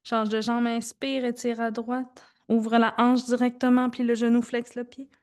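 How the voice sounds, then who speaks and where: Woman, yoga teacher, slightly high pitch, very slow pace, gentle informal instructions, frequent pauses. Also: flat delivery. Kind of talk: guided gentle yoga class, instructing while demonstrating.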